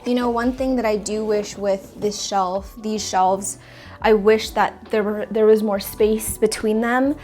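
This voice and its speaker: A plant vlogger with a stuffy, sniffly nose rearranges houseplants in her apartment plant room, chatting casually and rambling a bit as she corrects herself. Her voice is mid-range, steady, measured and a little mellow over soft background music.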